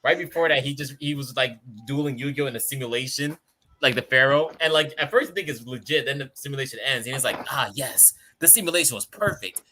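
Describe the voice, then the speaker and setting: A man's voice: medium pitch, quick pace, sharp tone. A man co-hosting a podcast, chatting casually and rambling with lots of fillers. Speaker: podcast co-host. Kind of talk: casual chat. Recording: background noise.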